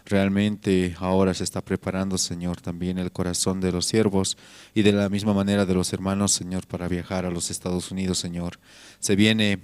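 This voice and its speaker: A man's voice: deep voice, little pitch movement, normal speed, darkish tone, smooth, no echo. A man with a Bolivian Spanish accent leading a spoken prayer, saying "Lord" between every phrase. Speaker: pastor leading prayer service.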